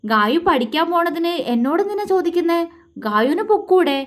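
A woman's voice: sits high, sing-song, moderate pace. A woman doing a clingy, childlike young man. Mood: pleading. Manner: pleading, tearful, wide-eyed. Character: childlike, clingy young husband who frets easily.

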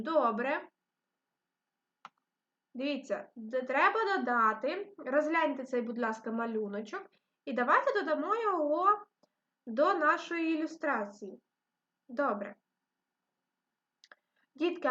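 A woman teaching a reading and phonics lesson to young children, speaking slowly and clearly with patient encouragement. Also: high-pitched, pushed and bright. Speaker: primary school teacher. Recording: dull lo-fi recording.

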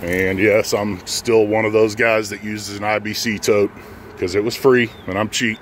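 His voice is lowish with little pitch movement and a normal speed. He's a middle-aged American who runs a pressure washing business and hosts a channel, giving a casual, plain-spoken, unscripted how-to talk while filming himself on a handheld phone at arm's length in a residential driveway. The outdoor phone recording has some light background noise.

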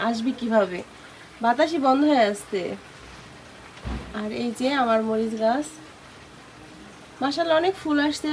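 A young woman with a hoarse voice, chatting casually to viewers as she cooks in her home kitchen. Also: on the high side, poor audio. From Bangladesh. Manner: chatty, talks viewers through her cooking. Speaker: home vlogger. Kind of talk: casual cooking vlog chat. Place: home kitchen with open window. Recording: loud kitchen noise. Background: frying and sizzling in the pan.

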